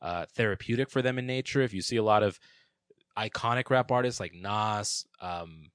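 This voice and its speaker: A man's voice: fairly low pitch, moderate pace, fairly bright tone, clean tone, dry recording. A man in casual chat, talking earnestly and thoughtfully, explaining his views.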